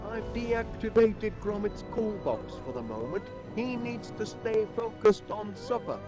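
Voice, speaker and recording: A middle-aged northern English inventor for a video game. He is chirpy, polite and eager to please, speaking high with a lively lilt. Music plays underneath. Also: measured pace. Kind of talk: video game character acting.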